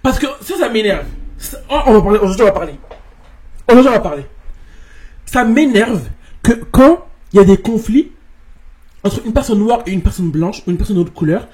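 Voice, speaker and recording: Animated man reading stories, mixing English slang. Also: sits high, brisk, pauses often. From France. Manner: animated, repeats words, mixes English slang. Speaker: host reading viewers' stories. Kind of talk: casual reading and commentary.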